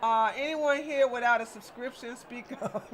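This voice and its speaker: This livestream host keeps an unhurried pace against background noise, casually chatting with viewers and going through their messages. She welcomes them with loud, high exclamations and teases the chat with plenty of laughter.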